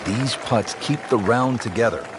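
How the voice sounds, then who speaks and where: Male golf commentator over loud crowd noise. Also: mid-range voice, unhurried. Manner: punchy exclamations and short phrases, addressing a co-commentator. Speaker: golf commentator, lead announcer.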